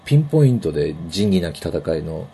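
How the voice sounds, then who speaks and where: Low, gravelly-voiced male podcast host. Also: big pitch swings, mellow, slight background noise. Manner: laid-back, unhurried, chatty. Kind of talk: casual podcast chat.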